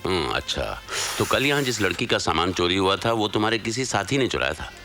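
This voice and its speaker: A man's voice: low-pitched, very animated, quick pace, pushed and bright, soft background music, full character voice. An actor playing a man who questions a thief in a teasing, mocking way. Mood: sly. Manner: teasing, dry. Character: sly male interrogator, mocking.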